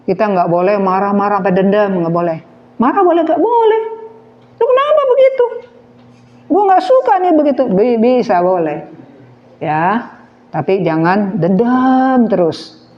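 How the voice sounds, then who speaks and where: A woman delivers a sermon in a lively, questioning way, mixing slang into her teaching. Her voice is mid-pitched. The recording is dull and lo-fi. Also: roomy sound, slight background noise. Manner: animated, asks the audience questions, mixes in slang. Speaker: preacher.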